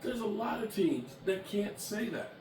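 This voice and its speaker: A man's voice: high voice, animated, unhurried, a little mellow. A man in his late fifties chatting bluntly and emphatically as a sports vlogger, shifting from annoyed to heartfelt. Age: 50s. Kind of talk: casual chat to camera. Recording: echoey room from a distance with background noise.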